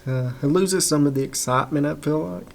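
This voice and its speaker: A young man talking quietly and casually to the camera while camping inside a small shed at night, in a relaxed, rambling way. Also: fairly high pitch, brisk, gravelly. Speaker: vlogger. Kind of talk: casual vlog talk to camera. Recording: faint background noise.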